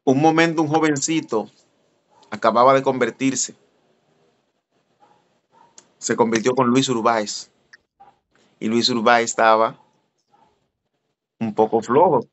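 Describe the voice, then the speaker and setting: A man's voice: takes it slowly, long pauses. A man, an evangelist telling a story in a sermon and speaking straight to his listeners. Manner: animated, addresses listeners directly, voice jumps high when excited. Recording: dull lo-fi recording.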